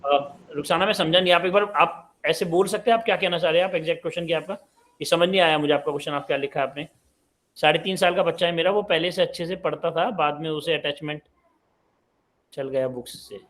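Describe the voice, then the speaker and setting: A man's voice: on the high side, fast, fairly bright tone. A man in his late twenties hosting a live online parenting session, reading out viewer questions and answering them conversationally. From Uttar Pradesh, India. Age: 20s.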